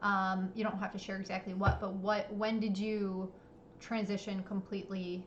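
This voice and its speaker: A woman hosting a livestream, asking her guest questions in a friendly, halting way. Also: medium pitch, level tone, highs cut off, a little hiss or hum. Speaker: livestream host. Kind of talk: casual livestream interview.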